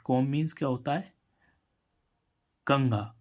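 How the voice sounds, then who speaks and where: A man's voice: mid-range voice, slow pace, darkish tone. A man teaching English pronunciation, spelling words out letter by letter and answering his own questions. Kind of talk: Hindi-language English lesson.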